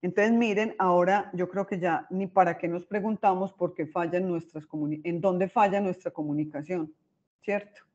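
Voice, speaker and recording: Woman lecturer, lively and conversational, keeps checking in with the audience, muffled lo-fi recording. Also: on the low side, normal speed. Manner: expressive, often checks in with listeners by asking "right?". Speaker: speaker giving a talk on emotional intelligence. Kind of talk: informal lecture.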